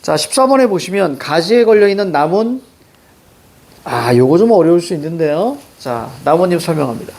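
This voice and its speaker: A man's voice: fairly high pitch, expressive, moderate pace, darkish tone, a little hiss or hum. A man teaching a classroom grammar lesson, walking through pronunciation rules step by step.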